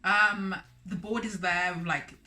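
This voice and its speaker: Bright, chatty young woman telling a story. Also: fairly low pitch, fairly even intonation, unhurried. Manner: chatty, dramatic, acts out voices, lots of "like". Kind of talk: animated casual storytime. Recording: faint music bed behind.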